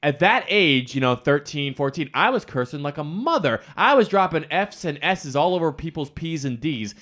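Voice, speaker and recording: A young man co-hosting a podcast, chatting casually and excitedly about films, swearing freely. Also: on the high side, moderate pace. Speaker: podcast co-host. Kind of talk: casual chat.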